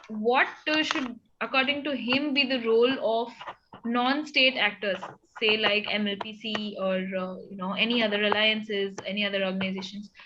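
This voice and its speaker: A woman's voice: fairly high pitch, lo-fi sound. A woman, a polite, deferential panelist speaking over a crackling, clicking video-call line. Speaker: panelist from a workers' rights group. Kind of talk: online panel discussion. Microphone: remote video call.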